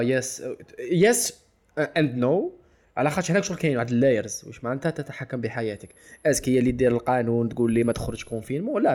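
Guy on a chill podcast, talks fast, mellow voice, lots of aah and english bits. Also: mid-range voice. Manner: thinks aloud, stretches "aah" between ideas, mixes in English and French. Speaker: podcast co-host. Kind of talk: casual discussion podcast.

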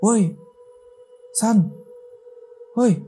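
A man voicing an annoyed young man who shouts through a locked door to be let in, in speech. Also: high-pitched, very slow, faint music behind, voice pushed up.

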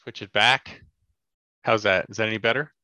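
A man chatting casually as a podcast co-host, his voice coming through thin and tinny with no bass, joking and laughing with halting restarts. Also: steady tone, sharp tone. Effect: thin tinny sound with no bass. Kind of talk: casual chat. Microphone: unplugged or wrong studio mic. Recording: dull lo-fi tinny mic sound.

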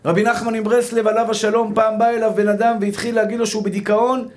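High-voiced man preaching a sermon. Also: little pitch movement, a little mellow. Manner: emphatic, repeats rhetorical questions, calls listeners brother. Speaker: rabbi. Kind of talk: sermon to a live audience.

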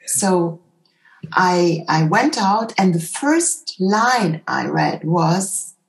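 A woman with a slightly low voice recounts her own experiences in a reflective, conversational way. She is a non-native English speaker and takes her time, pausing often between short phrases at a very slow pace. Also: animated, vocal fry, rough recording. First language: not English. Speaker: interview guest. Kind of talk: reflective personal storytelling in conversation.

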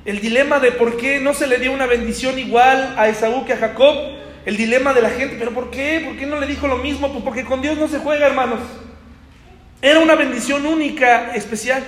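A man's voice: extremely high pitch, a bit bright. A man preaching a sermon as a pastor, talking conversationally and asking the congregation rhetorical questions. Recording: echoey hall.

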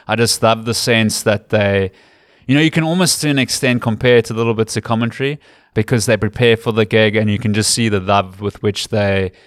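A man's voice: on the low side, steady tone, brisk, dry recording, studio quality. A man from Africa, a rugby commentator and guest telling stories earnestly in a casual interview. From South Africa. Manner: earnest, explanatory storytelling.

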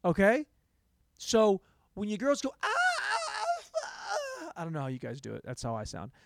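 Animated sarcastic young man rambling. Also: a little high, fairly quick, vocal fry, no echo, clean studio sound. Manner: sarcastic, self-mocking, jumps between loud bursts and mumbled asides. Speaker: podcast host. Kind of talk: rambling solo comedy podcast.

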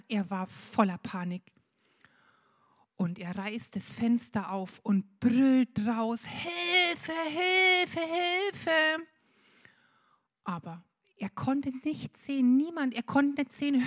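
A woman leads a church service for children. She tells a story slowly and expressively, addressing the kids directly. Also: fairly high pitch, a little mellow.

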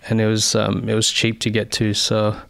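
A man in his thirties or forties who grew up in China, speaking as an interview guest in a measured, reflective way with frequent fillers. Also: fairly low pitch, monotone, creaky, fairly bright tone, dry recording. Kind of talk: conversational interview.

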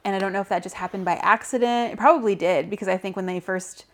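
A woman co-hosts a podcast, talking thoughtfully and chattily about character voices in tabletop role-playing games, laughing easily along the way. Her mid-range voice is a bit bright and moves at a quick pace.

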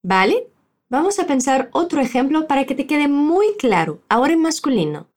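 A woman from Brazil teaching a spoken language lesson, slowing down to model phrases for the listener to repeat after her. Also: high-pitched, big pitch swings, darkish tone.

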